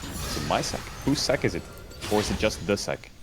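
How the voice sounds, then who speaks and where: British guy rattling on fast, low voice, playful rambling podcast chat. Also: very animated, music in the background. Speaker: podcast guest.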